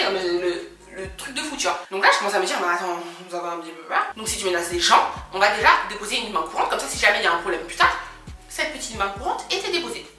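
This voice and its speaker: A woman vlogger tells a story at home, dramatic and animated, laughing as she goes. She speaks fast in a bright, high voice with swooping pitch. The sound is roomy and distant, with faint music underneath. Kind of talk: storytime vlog. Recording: echoey room from far off, faint music.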